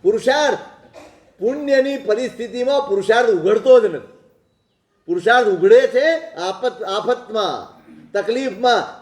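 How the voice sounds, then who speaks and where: A man's voice: high-pitched, a little mellow. Man, preaching a sermon, storytelling, rhetorical questions, roomy echo. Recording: echoey hall.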